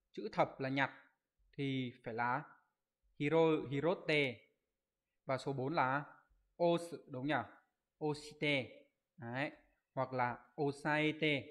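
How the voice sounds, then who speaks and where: A man's voice: medium pitch, a bit bright. Man teaching a Japanese exam review. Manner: explains step by step, asks rhetorical check questions; reads out viewers' comment answers in a quick list. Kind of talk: live online exam-review lesson.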